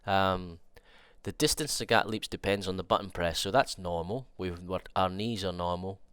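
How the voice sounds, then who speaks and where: A young man with a low voice, made nasal by a cold, talks fast and excitedly through a fighting game trailer. He rambles and restarts, thinking aloud, and his tone stays smooth and resonant. The sound is close and dry. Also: dry recording. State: has a cold. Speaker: fighting game content creator. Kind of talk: excited trailer breakdown commentary.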